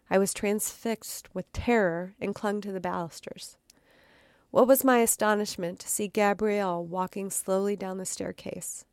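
A woman's voice: mid-range voice, creaky, darkish tone, no room sound, studio quality. A woman podcast host reading a true story aloud, dramatic, with occasional stumbles and asides.

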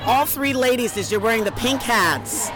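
A woman's voice: on the high side, moderate pace, over loud music, over a noisy crowd. A woman host doing chatty street interviews, asking direct questions. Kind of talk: roving interviews at a march.

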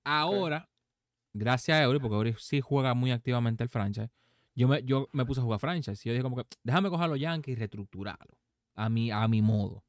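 A man's voice: medium pitch, a little fast, no room sound, clean studio sound. A man with a Dominican accent hosting a casual conversation about video games. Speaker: podcast host. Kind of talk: casual gaming chat.

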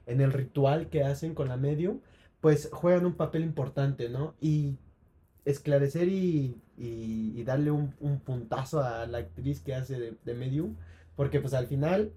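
A man's voice: mid-range voice, mellow. A man sharing film opinions in casual chat, hesitant, often restarting his words. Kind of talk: casual movie discussion.

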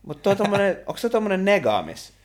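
A young man, co-hosting a podcast and telling stories in an animated, slangy casual chat. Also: sits high. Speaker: podcast co-host.

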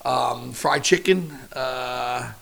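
A middle-aged chef with a deeply gravelly, fry-laden voice. He talks in a loose, animated way, rambling through anecdotes with the odd curse word thrown in. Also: extremely slow. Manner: animated storyteller, casual and profane. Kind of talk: casual interview chat.

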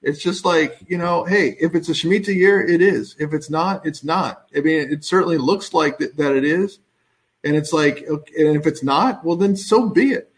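High-voiced chatty man, amused. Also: normal speed. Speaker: co-host of a live stream. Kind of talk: casual live-stream chat.

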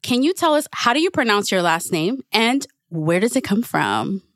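A woman's voice: medium pitch, very animated, moderate pace, fairly bright tone. A woman co-hosting a podcast, upbeat and slangy in a casual chat. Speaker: podcast co-host.

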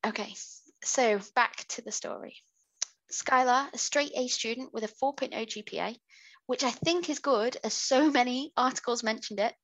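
A woman's voice: fairly high pitch, a bit bright, low-quality recording. British woman telling a true crime story. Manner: chatty asides while narrating. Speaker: podcast host.

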